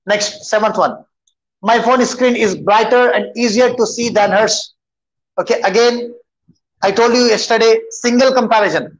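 An Indian-accented teacher walks through homework sentences one by one, unhurried and deliberate. The patient explanations drift between English and Hindi. The sound is a little dull and lo-fi. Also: mid-range voice. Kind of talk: online English grammar lesson, mixing English and Hindi.

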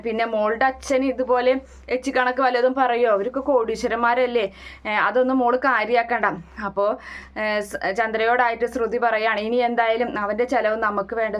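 Woman, fast talker, slightly high voice, casual serial recap, dull lo-fi sound. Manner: rapid run-on retelling, quoting the characters' lines.

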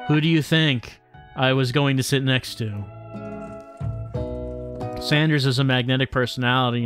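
Over background game music, a male streamer plays through a visual novel, voicing the text and adding wry, laid-back, tongue-in-cheek comments. He speaks in a slightly bright, mid-range voice.

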